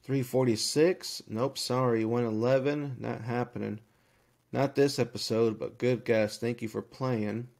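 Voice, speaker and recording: Male live-stream host running a giveaway, hyped and quick, reads off viewer guesses with snap verdicts. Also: medium pitch, steady tone, creaky, darkish tone. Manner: upbeat and hyped, rattling off numbers with quick yes-or-no verdicts.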